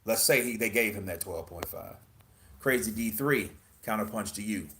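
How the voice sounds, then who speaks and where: A man's voice: lowish voice, normal speed, fairly bright tone, a little hiss or hum. A man hosting casual boxing commentary, emphatic and profane, firing off rhetorical questions. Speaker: boxing news host.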